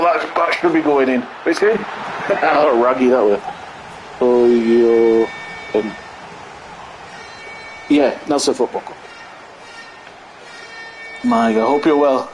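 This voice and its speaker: A man's voice: a little high, a little hiss or hum, low-quality recording. A man hosting a gaming channel, chatting to viewers in a rambling way while commentating a football video game. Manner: excitable bursts at goals.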